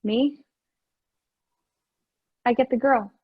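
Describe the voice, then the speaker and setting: Wry, candid geek schoolgirl played by a woman, raspy edge, play reading, close dry muffled recording. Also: on the high side, fairly even intonation, very slow, no room sound, exaggerated voice. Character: geeky, frank, wry teenage girl.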